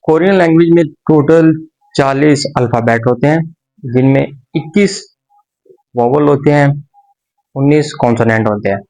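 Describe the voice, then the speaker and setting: A man teaching a language lesson, explaining slowly and patiently with pauses and repetitions. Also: a little high, creaky, a little mellow, rough recording.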